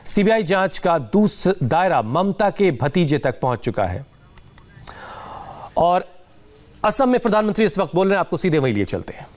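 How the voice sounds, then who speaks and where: A man's voice: sits high, very animated, normal speed, long pauses. A man reading a news bulletin as an anchor, in urgent, punchy headline style. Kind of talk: scripted news bulletin delivery.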